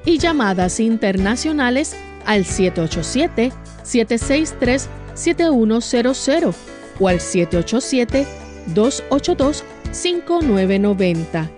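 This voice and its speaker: A woman announcer reading a station promo in a slow, careful, spelled-out way. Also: fairly high pitch, a little mellow.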